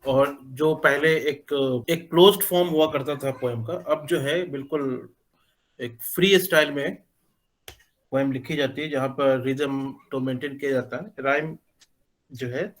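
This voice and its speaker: A male teacher explaining a lesson, talking in an unhurried way with many pauses and filler sounds, with phrases. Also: mid-range voice. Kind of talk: spoken lecture in Hindi mixed with English.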